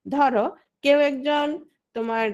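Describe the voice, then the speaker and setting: A woman, likely in her thirties, leads an exam-prep class in a high, bright voice. She explains rules step by step, throws out questions and then answers them herself. She calls on individual students by name as she goes. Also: steady tone, a little slow, highs cut off. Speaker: teacher. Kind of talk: online exam-prep lesson.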